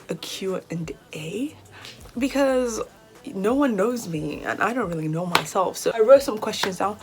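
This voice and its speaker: A Nigerian woman in her twenties with a British accent chats casually to camera as a hair vlogger on a beauty channel. She is lively and talkative, occasionally flustered, and her voice sits on the high side.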